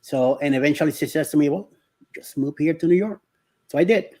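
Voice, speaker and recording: Man, middle-aged, from Miami, live stream host, slightly raised pitch, hesitant and rambling. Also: brisk, warm tone. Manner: rambling, hesitant with many fillers; greets viewers by name. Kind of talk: casual live chat.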